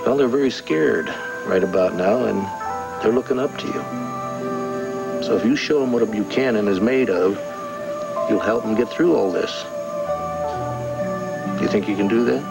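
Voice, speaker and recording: A man's voice: fairly low pitch, moderate pace, vocal fry, pauses often, low-quality recording. An actor playing a protective father who talks firmly and earnestly to his son in a soap opera. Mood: reassuring. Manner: reassuring, firm, earnest. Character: protective middle-aged father, steady and resolute. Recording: old TV soap with loud music score.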